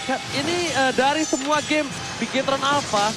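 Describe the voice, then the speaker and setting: A man's voice: very high-pitched, normal speed. A man working as an esports caster, giving live analysis and commentary on a match. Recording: loud music under the voice.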